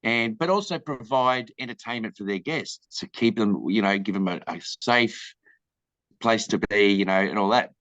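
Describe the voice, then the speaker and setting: A man's voice: fairly low pitch, normal speed, a bit bright, dry recording. An Australian man, a film director, answering interview questions in a candid, rambling way and acting out the people in his stories. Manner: candid, rambling storyteller who acts out quoted people. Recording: dull lo-fi dry recording.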